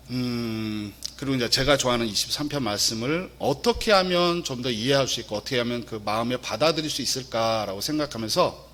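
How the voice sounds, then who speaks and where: A man giving a sermon as a lay preacher, speaking softly and hesitantly with many fillers. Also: medium pitch.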